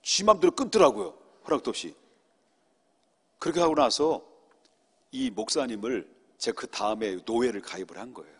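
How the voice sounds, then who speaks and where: A middle-aged male pastor preaching at a Friday prayer meeting, telling a personal story in an animated way. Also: mid-range voice, normal speed, long pauses, slightly rough. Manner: animated storytelling, acts out quoted speech. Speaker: senior pastor. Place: church sanctuary. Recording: long reverb of a church hall.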